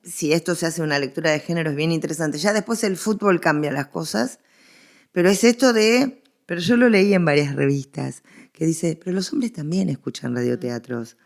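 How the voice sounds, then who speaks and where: This middle-aged woman has a Rioplatense Argentine accent and a low, creaky voice at a moderate pace. She's an expert guest in a conversational interview, explaining things emphatically and often wandering into digressions.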